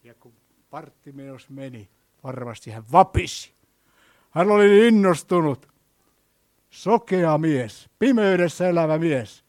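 Preacher man telling a story, hushed then loud. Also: a little high, expressive. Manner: asks the listeners questions. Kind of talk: sermon.

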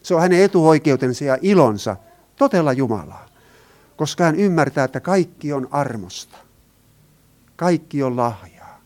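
A man's voice: fairly high pitch, sing-song, long pauses, darkish tone. A man preaching a sermon. He talks in an earnest way, asks his listeners questions and explains Greek words.

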